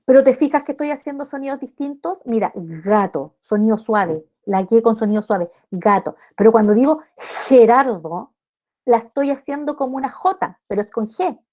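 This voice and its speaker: A woman lectures a class, patient and explanatory, checking in with her listeners through frequent tag questions. Her voice sits high and has a warm, mellow tone. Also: a little fast, hardly any pauses. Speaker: university lecturer teaching early literacy.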